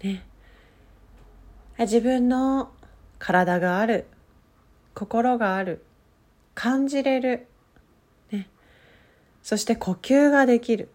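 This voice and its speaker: Woman, higher-pitched voice, very slow pace, gentle and soothing, guided meditation coach. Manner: soothing, gentle, drawn-out instructions.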